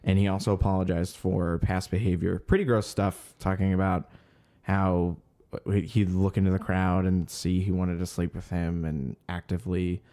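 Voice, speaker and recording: A man's voice: sits low, level tone, normal speed, dark tone. A man co-hosting a casual podcast, going through music news with lots of ums and unfinished sentences. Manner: hesitant, many ums, trails off searching for words. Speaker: podcast co-host reading the news.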